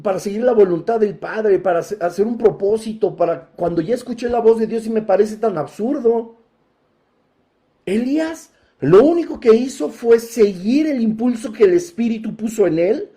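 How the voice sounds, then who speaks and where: A man preaching a Bible teaching sermon, emphatic, inviting listeners to picture each scene and swelling into loud, forceful passages. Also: high voice, lively intonation, moderate pace.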